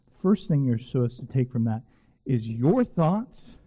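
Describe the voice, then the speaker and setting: Mellow-voiced male preacher in a reverberant church. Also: medium pitch, lively intonation. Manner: earnest preaching with slow, emphatic repetition. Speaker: pastor. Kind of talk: sermon. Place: church sanctuary. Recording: long reverb of a church hall.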